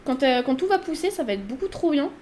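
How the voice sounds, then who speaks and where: A woman's voice: high voice, big pitch swings, fast talker, darkish tone, a little hiss or hum. A woman hosting a casual life-sim let's play, chatting away and talking to her character as she plays. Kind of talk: casual gameplay commentary.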